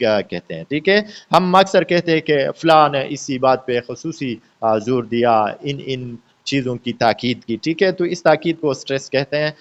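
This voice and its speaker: A man teaching a lecture, explaining slowly with many "uh" fillers, mixing Hindi-Urdu with careful English sentences and often checking in with his students. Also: on the high side, lo-fi sound. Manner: explains slowly, repeats points and checks in with "theek hai?"; hesitant with frequent "uh" fillers.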